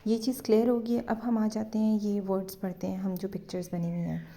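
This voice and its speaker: A woman's voice: medium pitch, little pitch movement, fairly quick, warm tone. A woman teaching phonics in a patient way, repeating letter sounds and drawing them out. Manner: repeats letter sounds many times, drawn out. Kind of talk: slow, patient phonics lesson.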